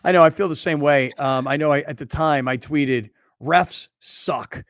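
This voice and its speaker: A middle-aged man hosting a sports talk radio show, energetic and conversational. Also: a little high, fairly quick, smooth, no room sound, studio quality.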